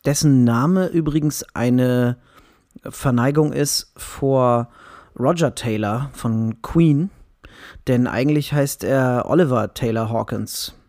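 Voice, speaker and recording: A man speaks as a podcast guest, in a casual conversational way. His voice has an average pitch. The recording is dry and close. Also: slow pace, a little mellow, no echo. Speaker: podcast guest, writer and musician.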